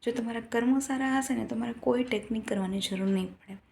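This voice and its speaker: A woman's voice: on the high side, quick pace, gravelly, mellow, slight background noise. A woman giving an earnest motivational talk to her followers, lecturing with many rhetorical questions. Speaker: motivational speaker.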